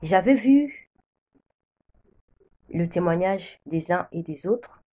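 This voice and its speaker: Speaking slowly in a fairly low, dark voice, this woman from the Democratic Republic of the Congo delivers a prophetic testimony. She is animated as a preacher, repeating solemn declarations throughout.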